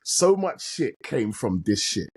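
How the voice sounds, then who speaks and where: A man's voice: on the low side, sing-song, a little slow, husky. A man with a London roadman accent chatting casually as a podcast host, emphatic and full of slang and swearing.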